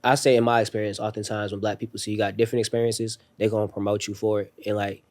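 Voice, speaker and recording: A young man raised overseas in a military family tells stories as a guest in a casual podcast conversation, laid-back and slangy with many fillers. His voice is fairly low, flat, fast and a little mellow.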